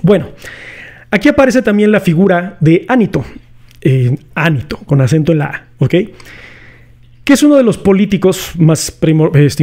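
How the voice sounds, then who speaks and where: Mexican man, casual philosophy lesson host, slangy and conversational, asks the audience a lot, slightly higher pitch. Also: warm tone. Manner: chatty, slangy, poses rhetorical questions to viewers. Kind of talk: casual explanatory lecture.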